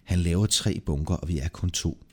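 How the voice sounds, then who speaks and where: A man's voice: low-pitched, a little mellow. A man voicing a sly, greedy male wanderer who boasts and lies, with a brash, wheedling manner in a read-aloud folk tale. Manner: brash, wheedling, yelps when scared.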